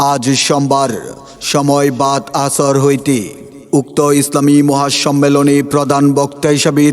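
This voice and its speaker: A Bangladeshi man reading a scripted promotional announcement in a formal, declamatory public-announcement manner. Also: mid-range voice. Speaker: event announcer. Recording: echoey hall reverb over music.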